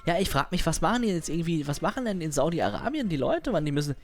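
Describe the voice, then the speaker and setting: A man's voice: fairly high pitch, big pitch swings, fast, over music. A young man chatting casually on a livestream, rambling in slangy, crude language and laughing often.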